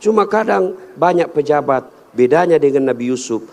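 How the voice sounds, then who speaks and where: A male preacher gives a humorous sermon at a big religious gathering, telling funny stories and jumping to high-pitched punchlines. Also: moderate pace, background noise. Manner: jokey, storytelling, animated with sudden high-pitched punchlines.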